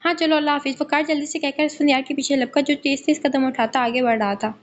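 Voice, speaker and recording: A woman narrating an audio novel, telling the story at a steady pace. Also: high voice, fast talker, muffled recording, a little hiss or hum.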